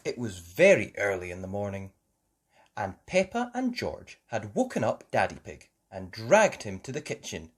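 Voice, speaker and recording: A woman narrating a children's storybook aloud, slow and expressive. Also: a bass voice, breathy edge. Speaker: storybook reader.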